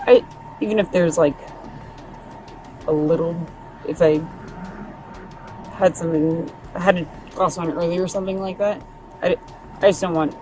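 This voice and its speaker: Captured on another person's police body camera beside a road, a woman casually explains things to an officer in a hesitant, hedging way that trails off. Her voice is lowish, steady, and mellow. Traffic and outdoor ambience fill the noisy recording.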